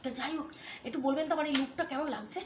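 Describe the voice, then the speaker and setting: A woman's voice: high-pitched, racing, background noise. A woman vlogging casually to a phone camera in a small room at home, playful and chatty, her voice a little stuffy from a cold. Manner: chatty, playful, talks softly at times. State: has a cold, sore throat.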